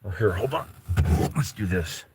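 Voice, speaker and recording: A man's voice: lowish voice, lively intonation, moderate pace, a little hiss or hum. A man vlogging from his vehicle on private land before dawn, rambling casually and swearing as he talks to his dogs. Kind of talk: casual chat while driving.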